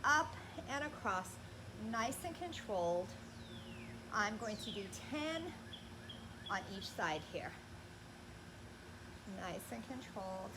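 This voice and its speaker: Loud cicadas buzz around a woman leading an outdoor workout, clearly adding noise as she cues moves step by step and counts encouragingly. Her mid-range voice swings widely in pitch, and she goes slowly with long pauses.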